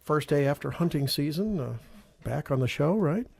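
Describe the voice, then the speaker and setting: Male doctor hosting a radio show; gravelly, chatty, quick to laugh. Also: fairly high pitch, lively intonation, darkish tone, slight background noise. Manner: chatty, laughs easily, many restarts. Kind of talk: casual radio chat.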